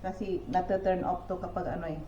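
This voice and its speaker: In a mellow, lowish voice with a steady tone, the Filipino vlogger talks a little fast over slight background noise. She's an older woman telling her viewers a rambling story from a roomy kitchen, full of fillers and repeated "sabi ko," captured in a dull, roomy home recording.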